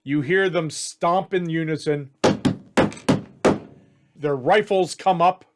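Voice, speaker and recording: A man's voice: a little high, takes it slowly, very noisy. A man running a tabletop game as game master, narrating casually and matter-of-factly. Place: home setup, online stream.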